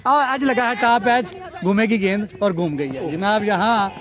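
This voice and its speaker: A man giving lively, joking live commentary at a local cricket match, tossing in English cricket phrases. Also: high-pitched, measured pace. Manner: excitable, jokey, mixes English cricket phrases. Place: outdoor cricket ground. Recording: loud crowd around the mic. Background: crowd.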